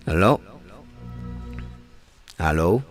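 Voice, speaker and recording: A man with a very low voice hosts a live call, stumbling over his words and circling back. Faint music sits under his voice. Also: animated. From Haiti. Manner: halting, repeats words and restarts often. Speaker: host and community organizer. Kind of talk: live-stream conversation. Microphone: phone or call setup.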